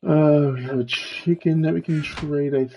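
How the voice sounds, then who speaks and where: A man streaming a video game, slowly talking himself through what he is doing in casual commentary. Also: a little high, fairly even intonation, dark tone, slight background noise, low-quality recording. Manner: slow, musing, talks to himself while playing.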